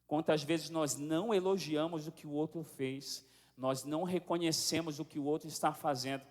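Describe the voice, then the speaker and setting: A man's voice: on the high side, fairly even intonation, moderate pace. A man with a Brazilian Portuguese accent preaching a sermon as pastor, telling family stories in a conversational way and often tagging sentences with a question. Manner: conversational storytelling with frequent tag questions. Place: church sanctuary. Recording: long hall reverb.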